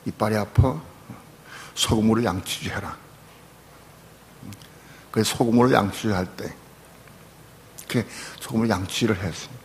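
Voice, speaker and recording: An older man, a pastor, preaching a sermon and telling a personal testimony, moving from quiet storytelling to loud, pleading prayer. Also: on the low side, normal speed, long pauses, a little hiss or hum.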